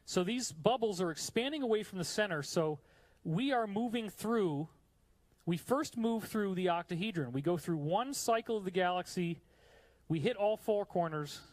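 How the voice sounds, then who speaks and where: Presenting slides at a conference in a hot room, this man from New York has a high, animated voice and a moderate pace. He's enthusiastic in his explanations and chats with the audience between points.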